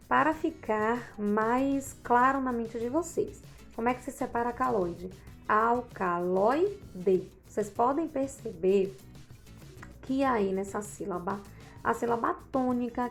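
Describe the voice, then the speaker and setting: A woman's voice: fairly high pitch, a little mellow. A woman teacher explaining grammar rules from slides, often checking in with tag questions. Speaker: Portuguese teacher. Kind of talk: slide-based grammar lesson.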